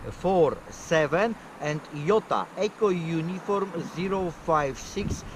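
Man, fairly high voice, radio operator, clipped call signs, very noisy windy outdoor recording. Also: takes it slowly. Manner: clipped procedural phrasing. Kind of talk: amateur radio contact, call signs in phonetic alphabet. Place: outdoors on open moorland. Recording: loud wind noise outdoors.

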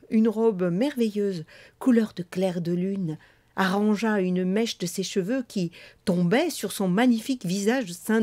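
An actress reading a children's story aloud in measured, expressive narration. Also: female voice, mid-range voice.

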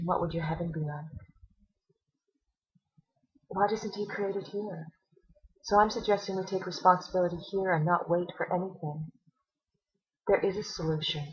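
A woman's voice: on the low side, breathy edge, lo-fi sound. A woman making a video response, indignant and sarcastic, firing off rhetorical questions. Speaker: video blogger.

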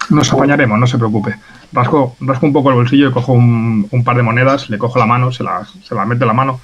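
A man describing his character's actions in a tabletop game, often repeating words haltingly. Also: medium pitch, fairly even intonation, a bit bright. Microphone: headphones on video call. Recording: muffled, faintly noisy video call.

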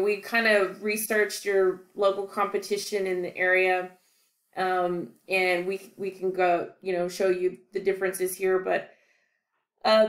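A woman's voice: medium pitch, gravelly, echoey room. A young woman giving a casual, informal sales walkthrough over a screen recording, full of fillers and restarts. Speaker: marketing caller.

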